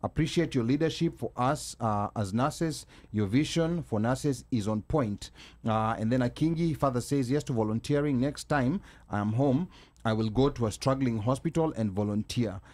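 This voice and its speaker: A man with a Kenyan accent and a medium-pitched voice hosts a live call-in show. His delivery is halting, with many ums and small pauses as he addresses the audience. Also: darkish tone. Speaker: talk show host.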